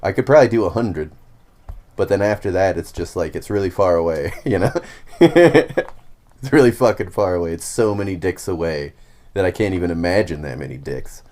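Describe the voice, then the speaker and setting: Young man, deep low voice, casual podcast chat, crude jokes, laughs a lot. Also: animated, a little fast, darkish tone. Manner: laughs often, crude joking. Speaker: podcast host.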